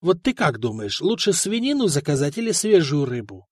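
A man's voice: a little high, very animated, moderate pace, darkish tone, no echo, studio quality. A man voicing a sly male court notary who talks with false, sarcastic sympathy. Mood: wheedling.

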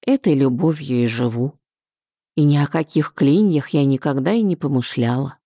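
A woman reading an audiobook, voicing a kindly elderly aunt who speaks softly and fondly. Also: rumbling low, normal speed, no room sound, clean studio sound. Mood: tender. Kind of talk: audiobook character voice.

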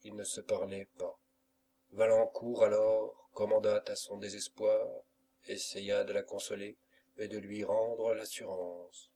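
A man narrating a classic novel as an audiobook reader, in a measured, unhurried way. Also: on the low side, flat delivery, warm tone, recorded from a distance, slight background noise.

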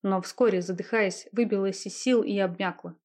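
A woman reading a romance novel aloud in a steady, intimate narrating voice. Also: medium pitch, moderate pace.

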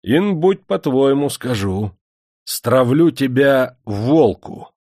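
A man's voice: medium pitch, lively intonation, a little slow, darkish tone, pitched above the performer's own voice. A man voicing a cruel, stern male master who threatens chained prisoners with a harsh, commanding voice. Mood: menacing.

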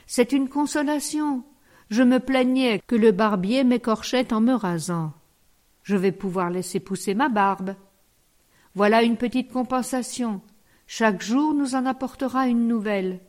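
A woman doing a gentle old country priest. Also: a little high, close to an everyday voice. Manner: soft, mild and unhurried.

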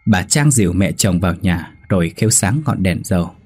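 Deep-voiced man telling a horror story. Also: expressive, slightly rough. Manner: measured, suspenseful storytelling. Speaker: narrator. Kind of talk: scripted horror story narration. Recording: soft background music.

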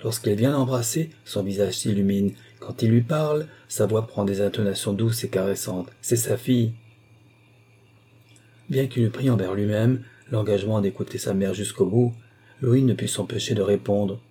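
A man narrating a classic novel in a measured, even reading. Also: on the low side, husky. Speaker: audiobook narrator. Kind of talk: scripted narration.

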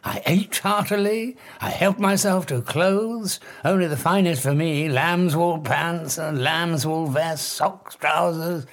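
An actor with a British accent playing a proud, haunted fugitive scientist, theatrical and formal, in an audio drama. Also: male voice, on the high side, slow pace, hardly any pauses. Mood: relishing, proud.

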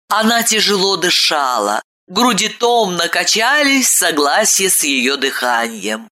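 A woman narrating an audiobook chapter in a measured, expressive reading voice. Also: medium pitch. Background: faint music.

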